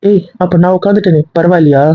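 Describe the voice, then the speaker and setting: Give me an actor playing a gushing, fast-talking visitor in a dull, lo-fi recording. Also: medium pitch, no echo, lightly acted. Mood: impressed. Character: chatty, impressed house visitor.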